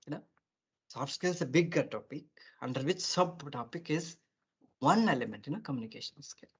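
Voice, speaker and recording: A soft skills teacher gives an online class lecture, rambling and saying "you know" a lot. His voice sits on the high side, a bit bright and husky, and the audio is dull and lo-fi.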